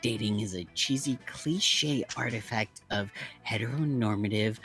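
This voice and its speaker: Brief: a man as a snobbish young artist, deep voice, stiff and wordy. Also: unhurried, fairly bright tone, soft background music. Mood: dismissive. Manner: formal, pompous wording. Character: pretentious, dry young man, artsy loner.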